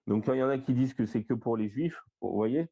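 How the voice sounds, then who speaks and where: A man's voice: medium pitch, mellow, husky. A man leading an online Bible study over a shared screen, listing word meanings one by one with plenty of fillers. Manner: lists word meanings in a slow, step-by-step way with fillers. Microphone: voice-call microphone. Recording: dull lo-fi voice-call audio.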